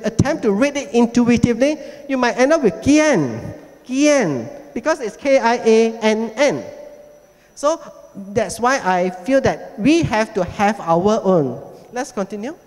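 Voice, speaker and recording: High-voiced man lecturing in a hall. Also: darkish tone. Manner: explanatory, repeats key words slowly. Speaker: heritage forum speaker. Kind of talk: presentation lecture. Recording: long hall reverb.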